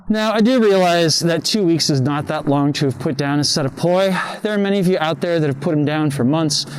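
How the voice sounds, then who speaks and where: A man's voice: on the high side, smooth, no room sound. A man hosting his own poi spinning channel, talking casually and upbeat to camera outdoors on a cold evening, out of breath. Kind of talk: casual vlog talk to camera.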